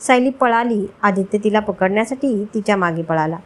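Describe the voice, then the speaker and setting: A woman's voice: medium pitch, animated, a little fast. A woman narrating a romance story expressively, reading all the parts herself.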